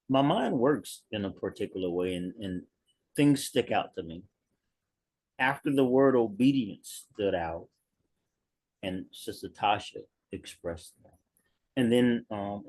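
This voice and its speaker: A man in a writing group sharing his reflections on a video call, slow and thoughtful, repeating key words. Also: lowish voice, darkish tone, slightly rough, no echo. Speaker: workshop participant.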